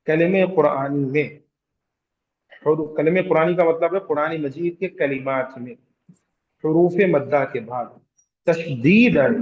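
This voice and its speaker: Male tajweed teacher with a Hyderabadi Urdu accent, fairly high voice, unhurried, patient, quizzes students, stretches vowels to demonstrate, dull lo-fi recording. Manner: patient, repeats terms and asks the class questions; draws out vowels to demonstrate elongation. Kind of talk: slow classroom lecture.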